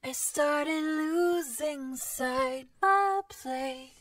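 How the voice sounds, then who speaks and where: A woman's voice: sits high, drawn-out words, a bit bright, no echo, studio quality. A woman's sung vocal track, played back with a flanger effect sweeping over it. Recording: with music playing under it.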